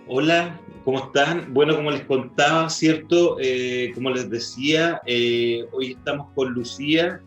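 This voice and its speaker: A man with a Chilean accent hosts an interview, speaking at medium pitch, unhurriedly and with few pauses. He keeps a semi-formal, somewhat hesitant tone and often adds tag questions. The room echoes and music plays behind.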